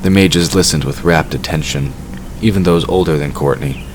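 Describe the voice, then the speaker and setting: A male narrator with an exceptionally low voice tells a scripted story for a fantasy audio drama at normal speed. Clear ambient noise plays behind him.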